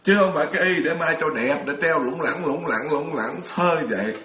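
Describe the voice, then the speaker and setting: A middle-aged Vietnamese Buddhist monk gives a chatty dharma talk, telling stories, laughing often, and restarting frequently. His voice is a little high, a little fast, bright, and forceful, with reverberation.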